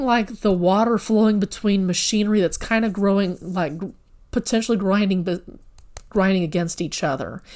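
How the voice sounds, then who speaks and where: A woman talks straight to her viewers while she reads tarot cards. She sounds earnest and a little rambling, and she corrects herself partway through sentences. Her voice sits in a medium pitch range. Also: a little mellow. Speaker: tarot reader. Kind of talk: casual spoken tarot reading.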